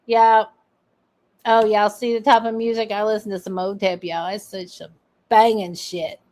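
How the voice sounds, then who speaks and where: A woman's voice: medium pitch, flat delivery, moderate pace, a little mellow. A woman giving casual, sarcastic reaction commentary full of swearing, reading comments aloud as she goes. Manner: profane and sarcastic. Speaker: online commentator.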